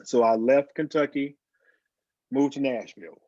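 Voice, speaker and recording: A man's voice: medium pitch, measured pace, mellow, no echo. Man in his forties, slight lisp, dry dull video call audio, easygoing storyteller. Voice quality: slight lisp from dental aligners. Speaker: graphic designer, guest. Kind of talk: casual interview over video call.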